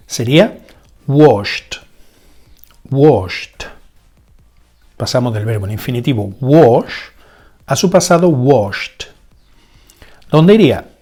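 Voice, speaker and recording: A man teaching a spoken language lesson, going slowly and deliberately, repeating each example word and checking in with rhetorical questions. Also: medium pitch, lively intonation, mellow, husky, soft background music. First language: Spanish. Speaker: English teacher.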